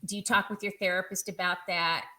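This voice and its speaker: Lady host asking open questions, bright sharp voice. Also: lowish voice, level tone, brisk. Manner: asks probing, open questions. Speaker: interview host. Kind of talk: casual interview questions.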